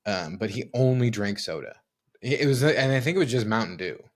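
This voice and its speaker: Sarcastic man with lively swings. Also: medium pitch, brisk. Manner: swearing, sarcastic, thinks aloud with restarts. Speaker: podcast co-host. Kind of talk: casual chat.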